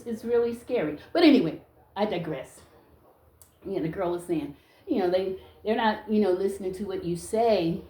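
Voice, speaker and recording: A woman in her sixties talking casually to camera in a blunt, loud, outspoken way, swearing freely. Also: mid-range voice, roomy sound. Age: 60s. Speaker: vlogger.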